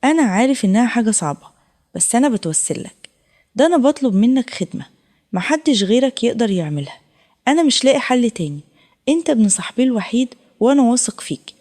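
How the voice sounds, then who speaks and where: A woman voicing a middle-aged husband who pleads softly and insistently with his wife and a young man. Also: a little high, lively intonation, fast talker, long reverb tail. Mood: pleading. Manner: soft, begging tone.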